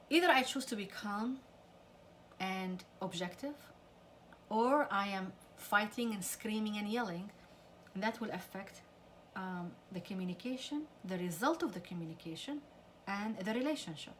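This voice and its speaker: A woman's voice: medium pitch, normal speed, slight background noise. Earnest middle-aged woman counselor. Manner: earnest, acts out quoted parents and teens. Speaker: family counselor. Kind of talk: parenting talk to parents.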